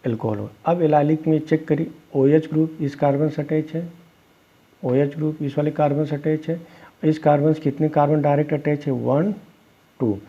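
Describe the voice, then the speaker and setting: Man teaching chemistry, husky gravelly voice, quizzes students then answers himself, dull recording. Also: on the high side. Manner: explains step by step, asks students questions and answers them himself; calls students "beta". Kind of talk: classroom lecture.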